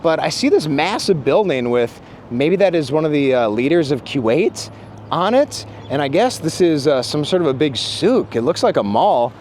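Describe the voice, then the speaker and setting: A man filming a casual travel vlog while walking around a city waterfront and a busy market, talking excitedly with lots of fillers. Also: fairly high pitch, normal speed. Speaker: travel vlogger. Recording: loud street and traffic noise.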